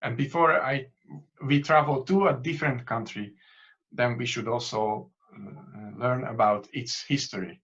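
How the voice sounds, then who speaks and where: A man with a Hungarian accent hosts an interview in English. He asks his questions hesitantly, stopping and restarting, and his voice sits at a medium pitch over dull, lo-fi audio. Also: unhurried, a bit bright. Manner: hesitant, many fillers and restarts. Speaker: interviewer, channel host.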